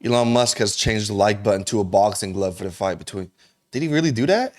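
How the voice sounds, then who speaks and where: A man's voice: fairly low pitch, lively intonation, brisk. Slangy man saying "bro" a lot. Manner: slangy and profane, says "bro" constantly; rambling, with frequent restarts. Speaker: reaction video host. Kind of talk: casual reaction commentary.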